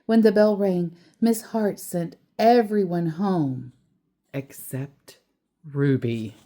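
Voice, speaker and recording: Reading a picture book to children, a lowish-voiced woman tells the story in an expressive, deliberate way, with the occasional casual aside.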